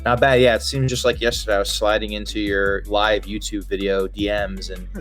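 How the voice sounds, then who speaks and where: Man, from Brazil, interview guest, low voice, measured, casual chat. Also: little pitch movement, a bit bright, faint music behind. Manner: measured, many "um" and "you know" fillers. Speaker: interview guest, game creator.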